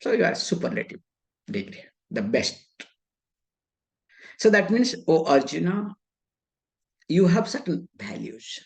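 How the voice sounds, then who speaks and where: A woman spiritual teacher with an Indian English accent delivers a scriptural discourse in an unhurried, measured way. Her lowish voice swoops up and down with lively emphasis. She poses rhetorical questions and answers them herself, dropping Sanskrit terms into her English. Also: vocal fry.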